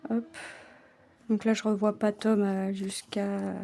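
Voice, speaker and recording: A woman casually chatting while she works on her cross-stitch, often stumbling over her words and dropping into soft, whispered asides. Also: medium pitch, little pitch movement, takes it slowly, creaky.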